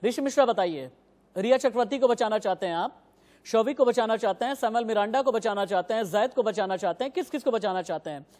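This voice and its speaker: A man's voice: sits high, fast, darkish tone. A male news anchor in a heated live TV debate, combative and hammering the same phrases again and again. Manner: combative, repeats phrases insistently.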